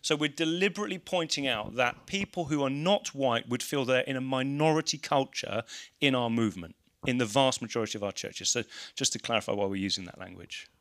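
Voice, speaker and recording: A man's voice: mid-range voice, fairly quick, a bit bright. An English man presenting an informal seminar in an explanatory, slightly hesitant way. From English Midlands. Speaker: church leader presenting a seminar.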